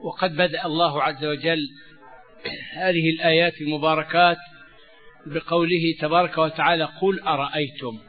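A man giving a religious lesson, measured and explanatory, often repeating key words. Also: on the high side, fairly even intonation. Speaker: Quran teacher. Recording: dull lo-fi recording with faint music.

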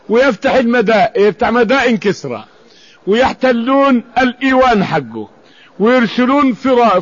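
A man preaching, telling an old story and explaining scripture, often restarting and repeating words. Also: very high voice. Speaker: Islamic preacher. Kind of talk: sermon storytelling with Quran commentary. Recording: dull lo-fi radio recording.

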